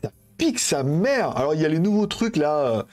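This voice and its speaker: Guy rambling on his live stream, pitch jumping all over, jokey, swears a lot, fiddling with phones. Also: sing-song, a little fast, darkish tone. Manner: rambling, joking, swears casually; handles phones while talking. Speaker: tech streamer. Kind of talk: casual live-stream chat.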